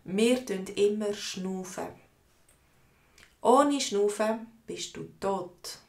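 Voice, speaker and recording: A woman with a Swiss accent, teaching a live online language lesson, explaining words slowly and answering viewers' comments. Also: mid-range voice, a little mellow, reverberant. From Switzerland. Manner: slow, explanatory, repeats words for learners.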